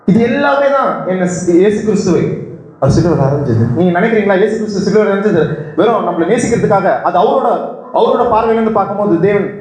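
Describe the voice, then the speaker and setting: A man preaching an earnest sermon, repeating words and swinging between high urgent pleas and low quiet passages. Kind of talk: Tamil sermon. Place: church. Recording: very echoey church hall with faint noise.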